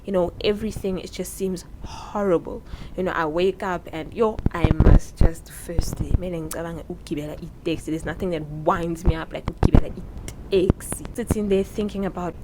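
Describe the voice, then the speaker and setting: A woman's voice: on the low side, steady tone, a little fast, heavy background noise. A woman in her early twenties with a South African accent, talking candidly and earnestly in a sit-down advice vlog on her own microphone. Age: early 20s. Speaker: vlogger. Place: indoors, seated. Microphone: own microphone with popping.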